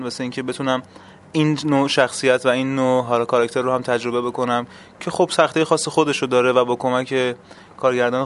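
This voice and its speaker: A man's voice: mid-range voice, fairly bright tone. A man from Tehran, a stage actor answering interview questions thoughtfully with frequent hesitations. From Iran. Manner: thoughtful, hesitant, many fillers.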